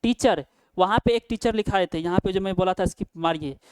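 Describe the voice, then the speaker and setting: A male teacher with a high, brisk, slightly mellow and smooth voice gives an English grammar lesson in Hindi, recorded with no echo. He poses questions and answers them himself, checking in often with "right?".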